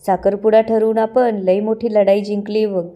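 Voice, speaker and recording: A woman's voice: mid-range voice, flat delivery, normal speed, lo-fi sound, close to an everyday voice. A woman reading the lines of a gloating, scheming middle-aged mother from a TV serial in her own plain voice. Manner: read out in a plain narrating voice.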